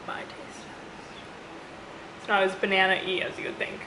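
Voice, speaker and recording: A woman's voice: medium pitch, completely flat delivery, moderate pace, pushed and bright, distant mic, slight background noise. Chatty woman vlogging in a roomy space. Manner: chatty, laughs often, says "like" a lot. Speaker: book vlogger. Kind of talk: casual vlog chat. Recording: roomy, from a little off-mic.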